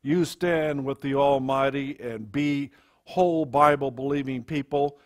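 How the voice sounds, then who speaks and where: A man preaching a sermon to his congregation into a pulpit microphone, in a halting delivery full of fillers and restarts. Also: mid-range voice. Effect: speaking into a pulpit microphone. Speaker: pastor.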